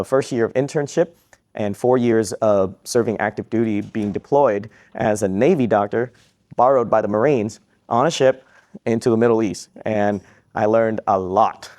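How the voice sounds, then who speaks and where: A man's voice: lowish voice, a little mellow. A man from Vietnam who works as a psychiatrist, giving a live question-and-answer talk to students, upbeat and joking, repeating each question back.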